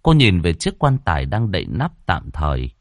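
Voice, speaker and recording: A male storyteller narrates a ghost story, his low voice lively and swooping in pitch. He eases off the pace whenever the suspense builds. It's recorded up close and dry, with no trace of room sound.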